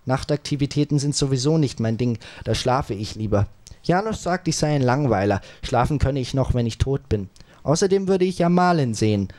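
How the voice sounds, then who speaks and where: A man narrating a first-person audiobook in a calm, measured way, in short phrases with small pauses. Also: medium pitch.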